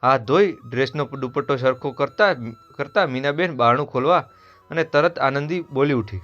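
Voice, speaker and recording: A man with a Gujarati accent narrating a family story in a steady, earnest scripted read. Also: medium pitch, normal speed. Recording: dull lo-fi voice over soft music.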